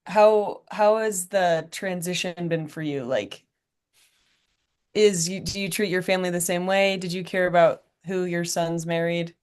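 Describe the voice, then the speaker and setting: A woman's voice: lowish voice, fairly even intonation, measured pace, a little mellow, clear, resonant tone. A woman asking hesitant, restarting questions in a class discussion over a video call.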